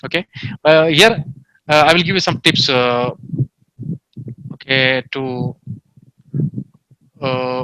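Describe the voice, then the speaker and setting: A man's voice: mid-range voice, pushed and bright, no room sound, poor audio. A man tutoring an online English exam class, explaining by example with many fillers and restarts, heard over a video call. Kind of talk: online demo class lesson.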